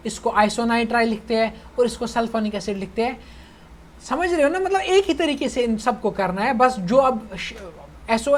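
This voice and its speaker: A man's voice: very high-pitched, a little hiss or hum. A young man teaching chemistry in a casual online lecture, chatty, calling his students "bhai" and checking that they follow. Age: young adult. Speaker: chemistry tutor.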